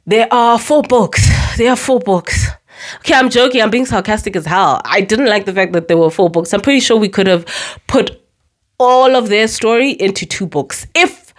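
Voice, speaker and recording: A young woman talking casually about books she has read, chatty and emphatic, with sarcastic asides and words repeated for stress. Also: lowish voice. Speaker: book reviewer. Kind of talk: casual book review vlog.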